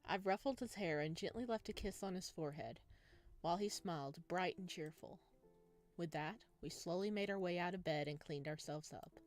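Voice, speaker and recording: A woman let's player reading visual novel narration aloud and breaking off into casual commentary. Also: on the low side. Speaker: let's play streamer. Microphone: wearing headphones.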